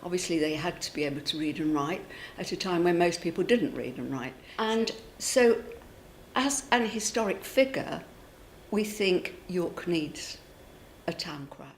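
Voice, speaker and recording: A woman's voice: on the low side, expressive, unhurried. A woman answering in a news interview, speaking emphatically in repeated, list-like phrases. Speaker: interviewee, campaigner for a civic post. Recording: clear background ambient noise.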